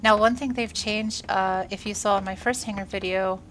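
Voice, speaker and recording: At medium pitch and a normal speed, a gaming video creator narrates her space-game session with fairly even, slightly bright delivery over mild background noise. Her voice is congested and a little wheezy after working out and being ill. She stays chatty and upbeat, with frequent "uh" fillers.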